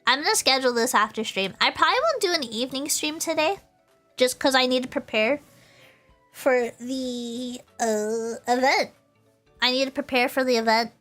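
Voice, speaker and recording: Speaking in a high, fairly bright voice at a moderate pace, this female VTuber livestreamer chats with her audience over faint background music. She's casual, bubbly and giggly, and tends to say her phrases more than once.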